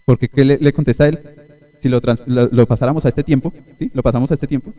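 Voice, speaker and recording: A man's voice: medium pitch, fairly even intonation, fast, warm tone. A male pastor preaching a Sunday sermon at a church service, teaching in an explanatory way and often checking in with his listeners.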